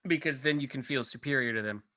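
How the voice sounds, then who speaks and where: Man with a bright, dry wit. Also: medium pitch, fast talker, no room sound. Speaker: podcast co-host. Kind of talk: casual chat.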